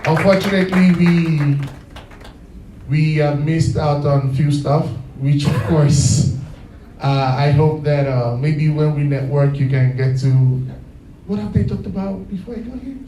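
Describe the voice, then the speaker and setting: A man hosting a live event, lively and encouraging, calling for applause. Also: a little high, unhurried, a little hiss or hum. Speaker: event host. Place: event hall. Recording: roomy sound from a distant mic.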